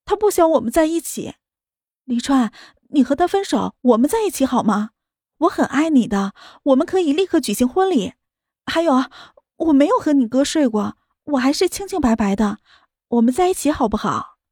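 A woman's voice: very animated, normal speed, mellow, dry recording, clean studio sound. A woman doing a frantic, clinging young woman. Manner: pleading, tearful and shrill. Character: desperate, clinging young woman begging for love. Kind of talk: audiobook drama acting.

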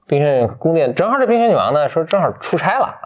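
A man casually retelling a fairy tale from memory, loose and halting, with many restarts and fillers. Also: a little high, sing-song. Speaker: storyteller.

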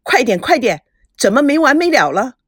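A woman reading a story aloud, voicing a rough, impatient male soldier who barks orders. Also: high voice, very animated, moderate pace, no echo, clean studio sound, pitched above the performer's own voice, exaggerated voice. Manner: barking, shouting orders.

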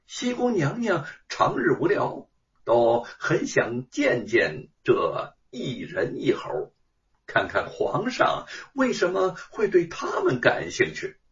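A man's voice: a little high, huge pitch swings, takes it slowly. A man telling a traditional story with a dramatic, sing-song delivery, on a dull, distant lo-fi recording.

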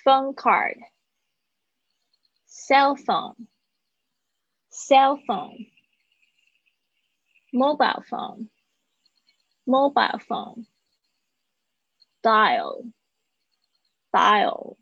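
A woman's voice: fairly high pitch, sing-song, very slow, gravelly, long pauses, fairly bright tone, breathy edge, dry recording. A woman teaching an English lesson online, explaining in Mandarin and modelling each English word twice. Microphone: online call. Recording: dull, dry live-stream audio.

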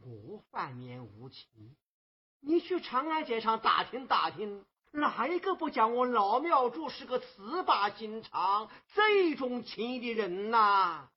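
A performer playing a soft-hearted old temple keeper, a man, in Huangmei opera, sighing and exclaiming with a breaking voice, on a dull lo-fi recording. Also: a little high, very animated, takes it slowly, breathy edge, full character voice. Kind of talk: Huangmei opera stage acting.

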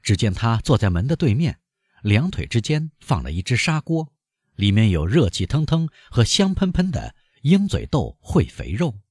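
A man narrating a novel as an audiobook, with an expressive storytelling delivery. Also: medium pitch, moderate pace, breathy edge, dry recording, studio quality.

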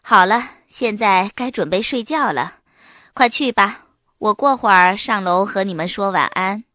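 A woman reading a storybook aloud and voicing a busy mother who speaks in a calm, lower, measured tone. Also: no room sound, clean studio sound. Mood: firm. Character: mother, busy and firm but gentle.

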